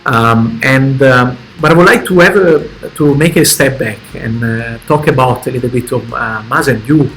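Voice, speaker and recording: Male interviewer, middle pitch, halting questioner, light music bed. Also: poor audio. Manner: hesitant, many fillers, trailing off quietly. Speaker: podcast host. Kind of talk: podcast interview.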